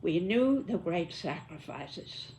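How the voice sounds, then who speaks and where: This is a very old woman, in her nineties, with a somewhat low voice. She talks at a very slow, deliberate pace. Her reflective commentary is solemn, with emphatic stress on the phrases that matter. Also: big pitch swings, a little mellow, slight background noise, poor audio. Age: 90s. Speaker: elderly commentator reflecting on history and politics. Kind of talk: reflective spoken commentary to listeners.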